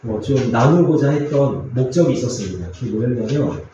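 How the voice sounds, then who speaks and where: A man pastor preaching a sermon in a church, earnest and confessional, with pauses and fillers. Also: medium pitch, expressive, mellow, heavy reverb, muffled recording, a little hiss or hum. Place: church sanctuary.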